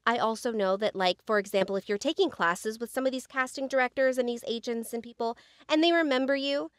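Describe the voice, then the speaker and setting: With a fairly high pitch and a slightly quick pace, an American woman who voice-acts co-hosts a podcast about the craft, chatting casually yet earnestly and emphatically. The audio is clean studio sound without any room noise.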